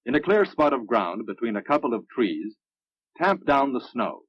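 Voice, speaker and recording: With big pitch swings, a slightly husky American male voice of middling pitch delivers measured, instructive narration for a military training film. The recording is dry and dull, much like an old film soundtrack.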